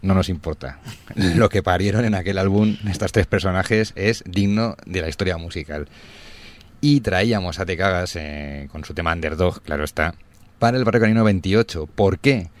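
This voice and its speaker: A deep-voiced man hosts a casual radio program. He rambles through anecdotes in an easy, chatty way, picking up speed when a story gets good. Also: moderate pace. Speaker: radio show host.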